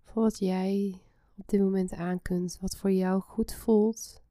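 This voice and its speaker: A woman guiding a relaxation meditation in a soft, soothing, breathy half-whisper. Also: medium pitch, little pitch movement, takes it slowly, no echo, studio quality. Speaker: guided meditation host.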